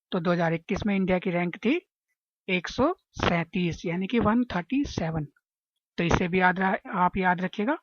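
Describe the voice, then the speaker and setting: A woman's voice: fairly low pitch, slightly rough, dry recording, highs cut off. A woman teaching general-knowledge exam questions and explaining memory tricks, often checking in with her listeners. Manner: chatty, keeps asking "है ना?" to check understanding.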